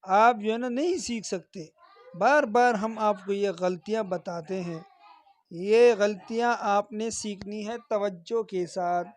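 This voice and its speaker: A man teaching Quran recitation in a stern, corrective lesson, drawing out each demonstrated phrase slowly and repeating his points insistently. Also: high voice.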